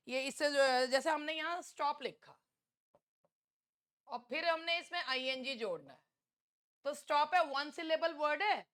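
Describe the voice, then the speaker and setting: A young woman teaching an English exam-prep lesson, chatty and teasing, reading questions out slowly. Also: sits high, a bit bright. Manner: chatty, scolding, teasing students.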